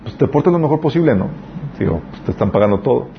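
A man's voice: mid-range voice, lively intonation, fast, creaky, a little hiss or hum. A man preaching a sermon in an earnest, conversational way, telling personal stories. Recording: dull lo-fi recording.

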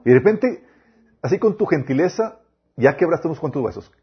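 A man's voice: fairly high pitch, animated, brisk, slightly rough, muffled recording. A man preaching a sermon, quoting scripture and asking his listeners rhetorical questions.

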